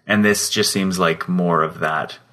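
A man's voice: deep voice, steady tone, measured pace, a bit bright. A Canadian man co-hosting a podcast in casual chat, laid-back and laughing as he searches for his words. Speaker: podcast co-host.

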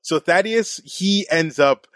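A man's voice: sits high, slow pace, fairly bright tone, no room sound. A man from Canada co-hosting a podcast, explaining things in an informal, rambling way with colloquial asides. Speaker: podcast co-host. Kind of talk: casual chat.

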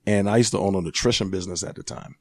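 Gym-owner guest from Liberia, forties, lowish voice, dry close sound, laughs his way through stories. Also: very fast, no room sound. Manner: laughing, animated storyteller. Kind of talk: casual interview.

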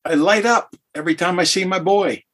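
A man's voice: high voice, brisk, fairly bright tone, voice pushed up. A man playing a heavenly father bursting with pride over his son, his voice jumping well above its usual register. The delivery is exuberant and affectionate, with plain, homespun phrasing. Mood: beaming, doting.

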